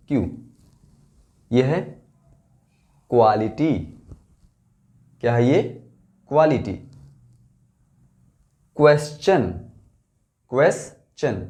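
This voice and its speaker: A man teaching English pronunciation in Hindi, slowly repeating each word for learners to echo back. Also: medium pitch, warm tone. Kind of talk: pronunciation drill lesson.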